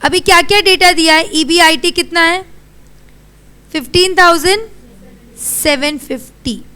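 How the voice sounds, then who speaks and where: A young Indian woman lectures a classroom in a high, bright voice. She quizzes her students in a brisk, scolding way. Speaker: teacher.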